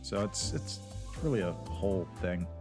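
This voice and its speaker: A man's voice: deep voice, animated, moderate pace. A man streaming a game, chatting loosely through a headset mic as he plays, with lots of "like" and restarts. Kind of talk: casual livestream chat over gameplay. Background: game music.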